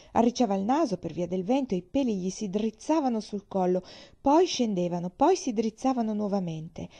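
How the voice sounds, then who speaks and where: Brief: woman narrator for an audiobook chapter, calm and expressive, low mellow voice, slightly muffled recording. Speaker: reader. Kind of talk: reading a novel aloud.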